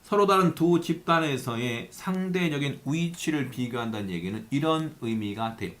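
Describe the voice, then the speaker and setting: A male math teacher lecturing at a board with a very lively, swooping delivery. He asks questions and answers them himself, and now and then speaks in his students' voices. His pitch sits in a middle range. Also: moderate pace.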